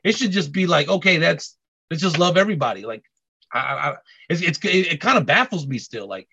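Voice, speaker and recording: A man chatting casually on a podcast, halting with many restarts and repeated words. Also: fairly high pitch, lively intonation, gravelly, pushed and bright, a little hiss or hum. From Korean heritage. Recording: dull lo-fi audio.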